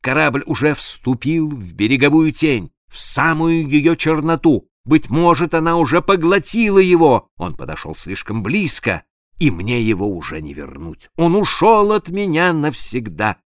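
Male narrator, storybook reading, lively rising and falling pitch, dramatic hushes, dry close sound. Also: a little slow, no echo. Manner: expressive, dramatic reading with sudden hushed drops. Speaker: audiobook narrator. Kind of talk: literary audiobook narration.

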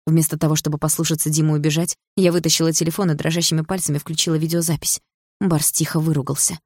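A woman reading an audiobook in the first person, with expressive, lively storytelling. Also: low-pitched, quick pace, no echo, clean studio sound. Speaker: audiobook narrator.

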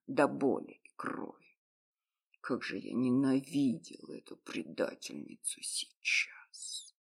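A woman narrating a first-person novel, steady and hushed at tense moments. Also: sits low, vocal fry. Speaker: audiobook narrator.

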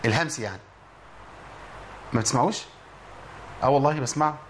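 A man with an Egyptian accent teaching tajweed, drilling letter sounds slowly and repeating example words. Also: medium pitch, slight background noise. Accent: Egyptian Arabic. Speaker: Quran recitation teacher. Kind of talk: Egyptian Arabic tajweed lesson.

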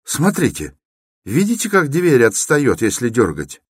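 A man reading an audiobook, voicing an eager, excitable young law student who talks urgently and insistently. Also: medium pitch, takes it slowly, no echo, clean studio sound, pitched above the performer's own voice, full character voice. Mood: excited.

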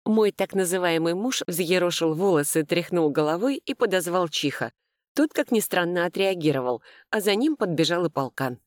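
Low-voiced woman reading an audiobook. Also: moderate pace, dry recording, clean studio sound. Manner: lively, expressive reading. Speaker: audiobook narrator. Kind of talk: first-person audiobook narration.

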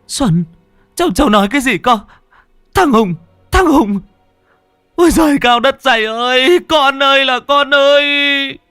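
A woman's voice: on the high side, sing-song, slow, a bit bright, no echo, studio quality, faint music behind, exaggerated voice. Woman voicing a wailing, grief-stricken mother. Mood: shocked. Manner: wailing, keening lament. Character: grief-stricken older mother, mourning her son. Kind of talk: audio drama voice in a narrated story.

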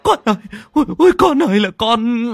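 A man's voice: extremely high pitch, lively intonation, brisk, creaky, no room sound, soft background music, voice pushed up, heavily acted. A man voicing a young village mother who shrieks a sobbing lament for her son. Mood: wailing.

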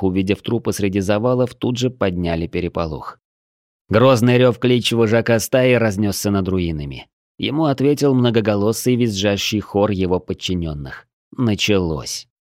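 A man reading a first-person adventure audiobook in a measured, steady storytelling manner. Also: fairly low pitch, dry recording, clean studio sound. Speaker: audiobook narrator.

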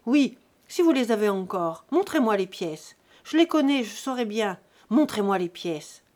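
A woman voicing a furious, greedy grown peasant son who shouts accusations at his aged parents. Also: medium pitch, animated, measured pace, breathy edge, full character voice.

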